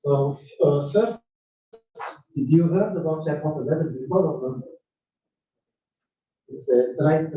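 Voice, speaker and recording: Far from the mic, a Tunisian man with a fairly high but dark voice delivers a technical presentation in a large conference hall. He hesitates a lot, using fillers, restarting, and phrasing things non-natively; the distant recording is echoey and dull.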